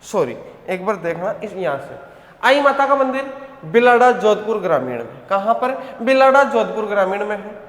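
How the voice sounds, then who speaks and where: A man's voice: high voice, sing-song, normal speed, fairly bright tone. A male teacher giving an online coaching lecture, drilling his students with repeated questions and answers and calling them "beta". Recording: echoey hall sound.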